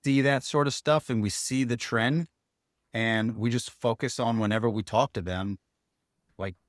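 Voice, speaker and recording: A man talking candidly as a guest in a podcast interview, relaxed, with frequent restarts. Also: medium pitch, moderate pace, no room sound, clean studio sound. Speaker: guest insurance agent.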